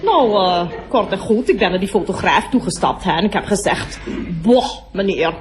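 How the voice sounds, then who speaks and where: A woman's voice: medium pitch, expressive, normal speed, background noise. A woman performing a comic monologue as a talkative, prim cloakroom attendant who gossips about her daughter and breaks off to speak to passing guests. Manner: chatty gossiping storyteller who keeps breaking off to address visitors. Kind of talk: comic monologue with audience laughter.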